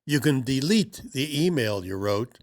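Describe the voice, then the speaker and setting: A man teaching self-development in a measured, conversational way, often posing rhetorical questions to his listeners. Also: mid-range voice, expressive, no room sound, clean studio sound. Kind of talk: recorded instructional talk.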